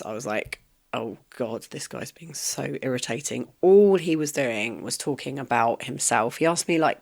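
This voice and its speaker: Blunt, animated woman telling a story. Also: a bass voice. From Essex, England. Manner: animated and blunt, swears freely, laughs mid-story. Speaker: podcast host. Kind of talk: casual storytelling monologue.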